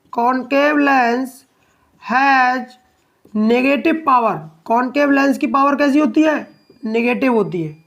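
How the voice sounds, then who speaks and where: A man teaching science to a class, firing questions at the students and answering them himself. He repeats each key point, then slows right down to dictate notes word by word. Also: very high-pitched, a bit bright. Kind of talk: classroom lesson.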